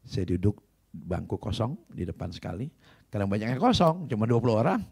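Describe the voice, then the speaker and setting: Male pastor, low husky voice, emphatic sermon with rhetorical questions to the congregation. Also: big pitch swings, brisk, darkish tone. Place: church service.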